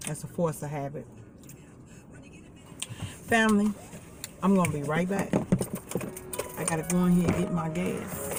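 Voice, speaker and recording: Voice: medium pitch, measured pace, pauses often. Folksy American vlogger in a noisy car. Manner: folksy, colloquial, familiar. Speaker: vlogger, mukbang host. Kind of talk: casual chat to camera, addressing viewers as family. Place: inside a parked car. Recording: noisy car interior, outdoor ambience.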